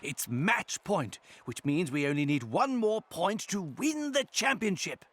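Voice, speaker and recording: A man's voice: high-pitched, big pitch swings, unhurried, exaggerated voice. A man voicing an encouraging talking tennis racket in a cartoon, like a coach. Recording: music playing behind.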